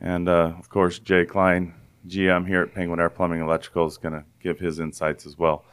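A man's voice: low-pitched, a little fast, smooth. A man hosting a podcast in easy casual chat, his voice still groggy from the early morning. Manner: relaxed, chatty, bit groggy. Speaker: podcast host.

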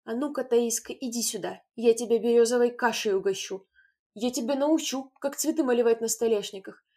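A woman voicing a hot-tempered but kind village mother in a storybook reading, with loud outcries and a husky voice. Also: fairly high pitch, expressive, moderate pace. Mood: threatening.

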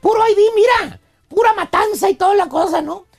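Una mujer con acento mexicano que, como conductora de radio, cuenta una historia cómica a gritos y burlándose. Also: female voice, very high voice, brisk. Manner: shouting, teasing, storytelling. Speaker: radio comedy host. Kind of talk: comic radio rant.

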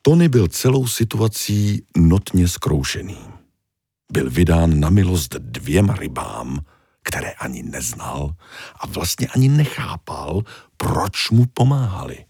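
A man reading a children's storybook aloud with even, gently humorous narration. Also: low voice, breathy edge, no echo, studio quality.

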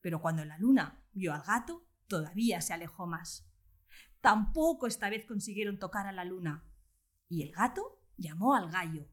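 A woman telling a children's story aloud in an expressive, animated way. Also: fairly low pitch, normal speed, roomy sound.

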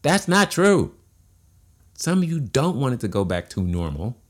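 A man's voice: mid-range voice, very animated, measured pace. A man giving a motivational monologue, asking rhetorical questions and repeating key phrases in a preachy way. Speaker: motivational speaker.

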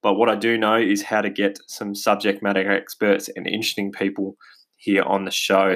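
His voice is on the low side with a fairly bright tone as this middle-aged Australian man hosts his own podcast. The monologue is casual and eager, dotted with fillers and restarts, and captured on a basic-quality home podcast mic.

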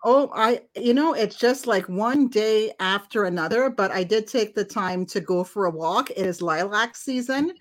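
A woman's voice: mid-range voice, normal speed, few pauses. A woman co-hosting a podcast, chatting casually about her weekend and laughing easily. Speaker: podcast co-host. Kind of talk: casual chat.

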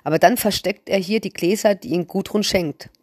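A woman's voice: medium pitch, moderate pace, darkish tone, breathy edge, dry recording, studio quality, close to an everyday voice. A woman voicing a quirky, precocious young girl in a read-aloud storybook, matter-of-fact and bubbly. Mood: chatty.

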